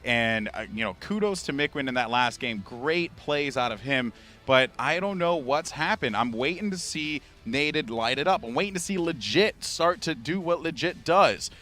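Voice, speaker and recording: A man doing live esports play-by-play, excitable and full of fillers and restarts. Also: on the high side, normal speed. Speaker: esports caster. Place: live event venue.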